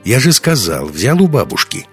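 Man voicing an edgy young guy in an audiobook, curt and snappy, a bit higher than his own voice, faint music behind. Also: big pitch swings, normal speed, lightly acted. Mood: irritated. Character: prickly defensive young man.

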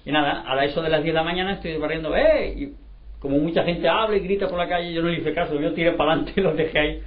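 Lively man telling stories, lo-fi. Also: a little high, racing. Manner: animated storyteller acting out dialogue. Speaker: street sweeper. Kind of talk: casual group discussion. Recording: lo-fi recording.

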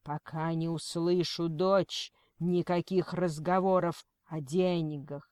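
A woman's voice: on the low side, fairly even intonation, takes it slowly, darkish tone, no room sound. A woman voicing a frightened yet firm middle-aged mother arguing with a kidnapper. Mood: agitated. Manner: agitated, firm. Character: frantic but stubborn middle-aged mother.

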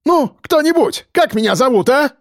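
A panicking police captain shrieks in a high, cracking voice, as a man plays him. He stammers and yells, close and dry. He is a nervous wreck with a gun. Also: lively intonation, moderate pace, no room sound. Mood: hysterical. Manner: shrill, screaming and stammering.

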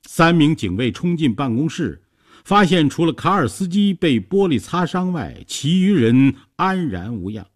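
A man reading a story aloud as a narrator, in a steady, measured way. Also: fairly high pitch.

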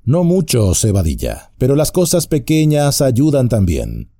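A man voicing a grim, weathered male ranger who speaks calmly and firmly. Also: medium pitch, no room sound, studio quality, voice pushed up, exaggerated voice. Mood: grave. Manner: calm, measured, quietly firm.

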